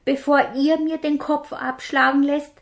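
A woman voicing a calm, cunning pilgrim herb man who speaks gently and kindly. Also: high-pitched, a little slow, creaky, voice pushed up.

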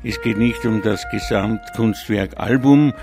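A man hosts a live music radio show, talking off the cuff with a slightly stuffy nose; he's hesitant, wanders off topic and often corrects himself. His voice is lowish, a little slow and creaky, and music plays beneath him.

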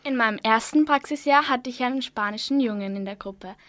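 A young woman, a trainee kindergarten teacher, reading her prepared answers in an even way. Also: a little high, fairly quick, no room sound. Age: young adult. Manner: reads prepared anecdote, even. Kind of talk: scripted radio interview.

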